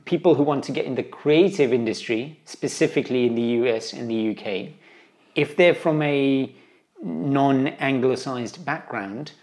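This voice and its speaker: Interviewed as a guest, a travel writer with a British English accent and a medium-pitched, slightly mellow voice talks at normal speed. He answers earnestly and conversationally, often drifting off on digressions.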